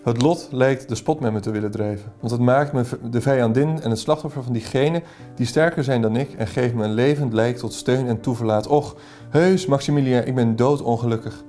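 A man reading aloud the lines of an anxious, sad young woman in love, his pitch slightly raised. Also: fairly quick, mellow, faint music behind, lightly acted. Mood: melancholy.

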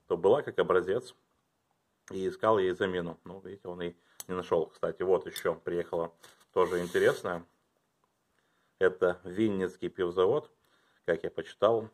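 At home, a low-pitched man unpacks and reviews items from his collection in a relaxed, chatty way. He muses out loud and lapses into soft muttering while handling things.

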